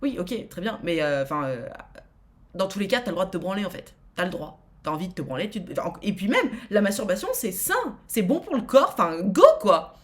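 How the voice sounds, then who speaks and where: A woman streamer giving frank advice live, reading out viewer messages, blunt and outspoken with plenty of swearing, quick to get worked up. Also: medium pitch, very animated.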